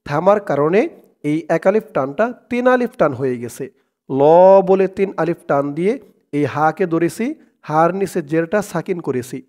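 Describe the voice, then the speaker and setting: A man teaching Quran reading, chanting verses slowly syllable by syllable and then explaining pronunciation rules plainly. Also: a little high, lively intonation, a little mellow. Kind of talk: slow recitation lesson, syllable by syllable.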